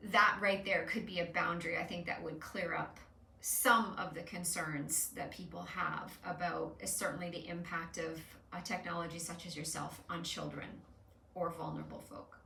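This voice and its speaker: Woman chatting through a card reading, bright voice, sounds a bit far off in an echoey room. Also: on the low side, gravelly. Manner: chatty, explanatory, with frequent fillers and restarts. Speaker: host doing card readings with an AI. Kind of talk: casual spoken reading.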